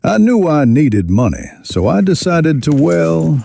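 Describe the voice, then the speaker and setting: A man plays a rueful western outlaw telling his life story in a gravelly, low drawl. His delivery is wry and slow, with big swings in pitch over faint music. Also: very animated, warm tone, exaggerated voice. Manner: folksy drawl, wry and unhurried. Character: young male outlaw drifter recounting his rough life, rueful. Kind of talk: scripted first-person western narration.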